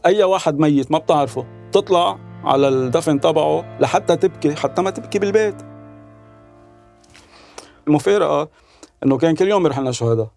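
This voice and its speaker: A man's voice: a little high, vocal fry, a little mellow, no echo. A Lebanese-accented man giving emphatic personal testimony, repeating phrases as he tells his story. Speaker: interviewee recalling war experience.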